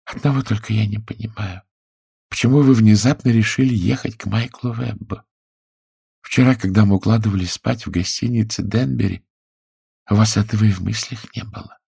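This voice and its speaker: A man voicing a fussy, worried fifty-year-old wife in an audiobook, with a creaky, husky raised voice. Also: steady tone, moderate pace, warm tone, no echo, clean studio sound, full character voice. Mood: fretful. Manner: raised, sing-song pitch. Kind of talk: audiobook character voice.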